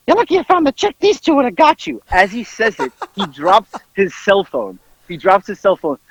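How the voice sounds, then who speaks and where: Guy telling a wild story, highish voice jumping all over, dull dry lo-fi sound. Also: dry recording. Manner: acts out quoted voices with big jumps up into yelps. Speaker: podcast host telling stories. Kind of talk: animated storytelling.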